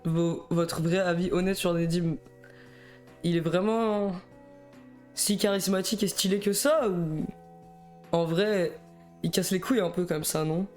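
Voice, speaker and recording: A man's voice: high voice, a little slow, pauses often, darkish tone, faint music behind. A young man with a Belgian French accent chatting casually on a live stream, nervous and self-mocking, stammering and rambling between laughs.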